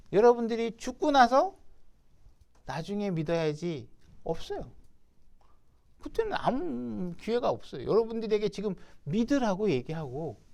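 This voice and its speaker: Male pastor, sermon; high, resonant voice; chatty, keeps asking the congregation questions. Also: darkish tone, clear, resonant tone. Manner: conversational, asks the congregation rhetorical questions; reads scripture aloud, then acts out its speakers.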